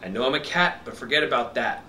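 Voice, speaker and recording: Dad doing an excitable lil cat hero for a toddler's storybook, dramatic n mock-brave, echoey room. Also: male voice, mid-range voice, quick pace, far from the mic. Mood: playful. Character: excitable small male cat playing sword-fighting dog hero. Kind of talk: storybook character read to a toddler. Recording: echoey room, faint noise.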